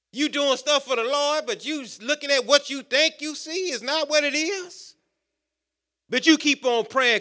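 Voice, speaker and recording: A man preaches in with a high, bright voice. He builds his points through rhythmic repetition and calls out questions to the congregation. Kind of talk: sermon.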